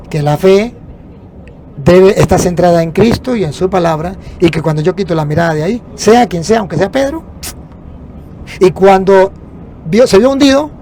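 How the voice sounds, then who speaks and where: A man preaches emphatically, his voice a bit mellow and higher than most men's. He asks rhetorical questions and then answers them himself. The faint rumble of a moving bus hums beneath him.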